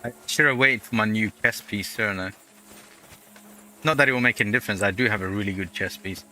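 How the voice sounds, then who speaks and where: A man's voice: lowish voice, brisk, pushed and bright, faint music behind. A man hosting a let's play, giving casual gameplay commentary that rambles into chatty, jokey storytelling.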